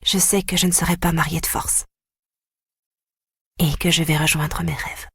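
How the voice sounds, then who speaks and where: A narrator reading a thriller audiobook in a grave, even, first-person storytelling manner. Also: mid-range voice, normal speed, vocal fry, husky, dry recording, studio quality. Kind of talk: scripted narration.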